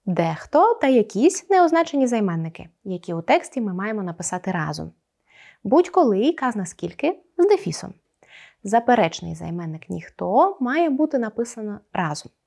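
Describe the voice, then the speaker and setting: A woman teaching an online grammar lesson, explaining clearly and stressing each example word. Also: medium pitch, big pitch swings, moderate pace, warm tone.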